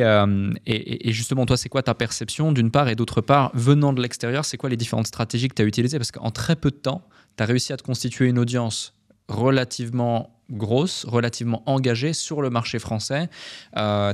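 A man hosting an interview, asking long questions full of fillers and restarts. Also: mid-range voice. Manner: hesitant, many fillers and repeated words. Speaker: podcast host.

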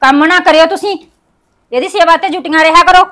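A woman's voice: extremely high pitch, brisk, pushed and bright. Woman playing a sneering cruel mother-in-law. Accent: Punjabi. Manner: sneering, sarcastic.

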